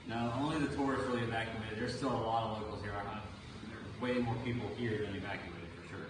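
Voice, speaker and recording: A man's voice: on the low side, fairly even intonation, fast talker. A man hosting a live storm stream, talking casually as he gives commentary on the conditions. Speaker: storm chaser livestream host. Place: on location on a Caribbean island before hurricane. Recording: distant mic, echoey, noisy ambience. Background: clear outdoor ambient noise.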